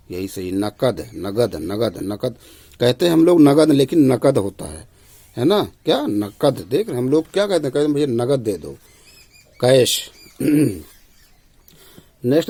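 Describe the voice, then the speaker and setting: Man teaching Hindi spelling, dry voice. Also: no echo. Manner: reads each question, then drops low and quiet to give the answer; repeats himself, tag "है ना". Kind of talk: casual exam-prep lesson.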